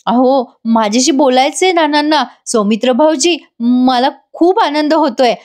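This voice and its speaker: A gentle, emotional young wife, read by a woman. She sounds eager and pleading, in a slightly raised voice. The delivery is a simple read. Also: sits high, a little slow.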